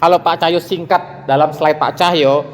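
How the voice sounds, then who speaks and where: Man, pastor, animated sermon to students, high voice, long hall reverb. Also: normal speed. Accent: Indonesian. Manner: animated preaching, shouts out quoted lines, playful asides. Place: church hall.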